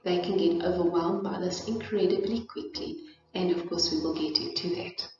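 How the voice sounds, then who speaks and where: A middle-aged South African woman, lowish in pitch, talks through a lesson in a thoughtful way, often pausing on fillers and restarting her sentences. She sounds set back from the microphone in a very echoey room, and the sound is a little dull with a faint hiss behind her. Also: fairly even intonation, recorded from a distance. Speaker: presenter of a parenting and child development talk. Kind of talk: informal educational talk.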